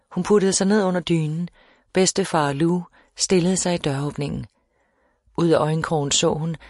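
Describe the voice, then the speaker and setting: A woman reading a novel aloud as an audiobook narrator, in a steady, measured storytelling manner. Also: fairly low pitch, no echo, studio quality. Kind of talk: scripted narration.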